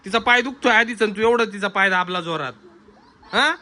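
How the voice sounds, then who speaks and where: A man's voice: high-pitched, a little fast. A man chatting in a casual family vlog, often exclaiming, questioning children and turning to tell his viewers what happened. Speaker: vlogger. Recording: noisy background with ambient sound.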